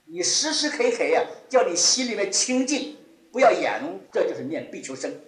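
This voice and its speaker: A man gives a Buddhist sermon in a fairly high voice that swings widely in pitch. He comes back to the same phrases again and again. The room adds a clear echo. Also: very animated, moderate pace. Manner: rises and drops sharply, repeats key phrases. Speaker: Buddhist teacher. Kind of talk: Buddhist dharma talk.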